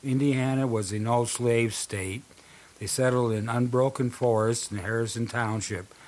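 A man's voice: medium pitch, steady tone, a little slow. Male podcast host, mid-range voice, loose conversational delivery, history storytelling.

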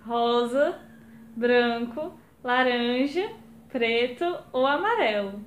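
A woman's voice: on the high side, animated, slow pace, highs cut off. A woman chatting casually on a podcast, teasing her friends. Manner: teasing, mocking. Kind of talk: casual chat among friends. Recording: echoey room with light background noise.

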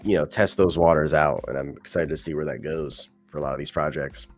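Fast-talking man with a very deep voice. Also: fairly even intonation, faint music behind. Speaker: livestream co-host. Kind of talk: casual chat.

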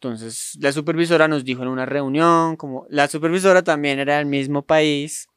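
A Colombian man with a somewhat high-pitched voice tells a rambling, slang-filled story to friends, laughing often. His voice is recorded close and dry, with no room sound. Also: fairly quick, a bit bright, clean tone, dry recording. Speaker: podcast storyteller. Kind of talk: casual chat.

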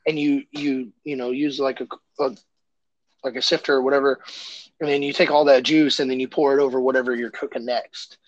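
A man's voice: medium pitch, little pitch movement, fairly quick, no room sound, lo-fi sound. A man co-hosting a podcast in casual chat, rambling loosely with lots of fillers and restarts. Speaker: podcast co-host.

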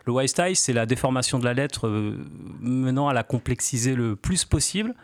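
A man in his forties, a graffiti artist guest on a radio show, explaining slowly with many fillers and restarts. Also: mid-range voice, lively intonation, no echo. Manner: hesitant, many fillers and restarts, laughs lightly. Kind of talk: casual radio interview.

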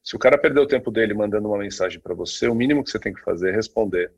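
A man's voice: fairly low pitch, racing, vocal fry, breathy edge, muffled recording. A man co-hosting a casual talk, speaking with many fillers and restarts. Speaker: podcast co-host. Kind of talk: casual conversation on branding.

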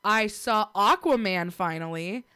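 A young woman in casual chat, telling a story in an animated way, swearing freely and laughing as she goes. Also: medium pitch, measured pace, clear, resonant tone.

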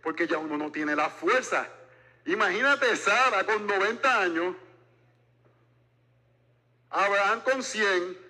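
A man in his forties delivering a sermon to his congregation. His voice sits a bit high and sounds bright and forceful. He preaches in a chatty style and slips humor in between points. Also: slow pace, pauses often. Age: 40s. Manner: joking, conversational preaching. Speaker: pastor.

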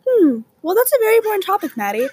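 A young woman as a guest on a scripted mock talk show, speaking earnestly and pausing to find her words. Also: extremely high pitch, sing-song, mellow, a little hiss or hum.

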